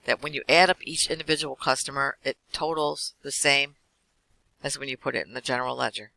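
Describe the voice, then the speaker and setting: A man teaching an accounting class, walking through lecture slides quickly with casual fillers. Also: medium pitch, steady tone, creaky, bright, forceful tone, dry recording, low-quality recording. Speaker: accounting instructor.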